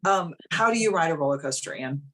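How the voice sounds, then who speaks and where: A woman in her thirties talks through a live coaching call in a slightly low voice. She is frank and chatty, swears now and then and fills her sentences with "like.". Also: animated, quick pace, a bit bright. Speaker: life coach.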